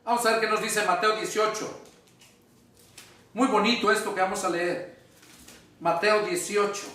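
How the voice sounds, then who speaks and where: Slow-preaching male pastor in echoey hall. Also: high-pitched, steady tone, sharp tone, distant mic. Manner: preaching with rhetorical questions, reading scripture aloud; slow, deliberate delivery. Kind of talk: sermon. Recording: echoey room, voice from off-mic.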